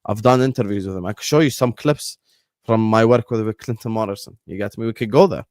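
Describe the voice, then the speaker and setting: Fast and lowish, with a darkish tone, this Arabic-speaking man from Jordan hosts a football live stream in a combative way. He keeps repeating phrases and throws in fillers like "you get me." The recording is dry and of studio quality.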